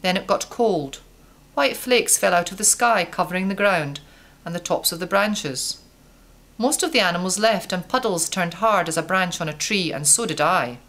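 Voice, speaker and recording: A woman voicing an old, wrinkled male apple who gently recounts his seasons, in a storybook reading. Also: on the low side, normal speed. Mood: recounting.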